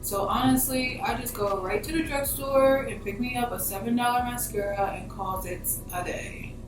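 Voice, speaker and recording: Music plays behind a young American woman whose voice is on the high side and moderately paced as she gives an informal, slangy, emphatic makeup tutorial step by step. She is a beauty vlogger, recorded from a distance in a very echoey room.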